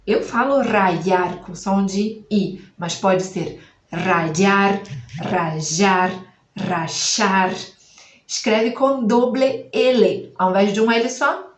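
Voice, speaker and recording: A woman teaching a language lesson, asking the viewer questions and then repeating each word slowly and clearly. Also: a little high, reverberant. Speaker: Spanish teacher.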